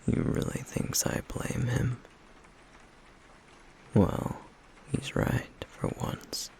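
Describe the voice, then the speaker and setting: Here the same man plays a wounded, guarded, stoic flame demon for close-up ASMR roleplay, keeping to a gravelly, breathy near-whisper. His delivery is slow and brooding with a wry, teasing edge, somewhat mellow, with a slight hiss or hum. He sounds bitter.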